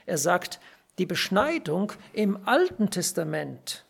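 A preacher giving an earnest sermon, stressing key phrases through repetition and pausing now and then to search for words. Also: mid-range voice, very animated, vocal fry, breathy edge. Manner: pauses to search for words with fillers. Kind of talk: sermon on a Bible passage.

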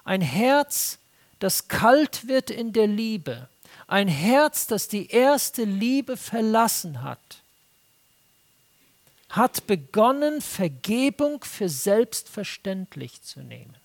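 A preacher giving an earnest, exhorting sermon, rising to raised emphatic stretches and sinking to hushed, low, intense passages, with phrases repeated for weight. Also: very animated, takes it slowly.

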